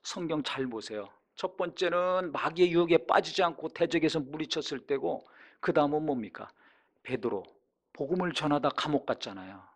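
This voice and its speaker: A pastor preaching a sermon, emphatic and full of rhetorical questions, his voice swinging between loud and quiet. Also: high voice, vocal fry.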